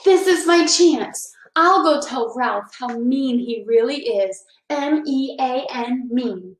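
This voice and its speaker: A woman's voice: sits high, expressive, slow, roomy sound, rough recording. A woman reading a storybook as an earnest young schoolgirl, hurt but brave, with a pleading, emphatic delivery. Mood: determined.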